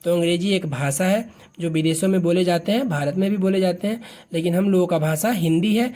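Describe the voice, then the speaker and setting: An English teacher from India giving a lesson explanation, asking and answering its own questions and drawing out sounds slowly. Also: mid-range voice, warm tone.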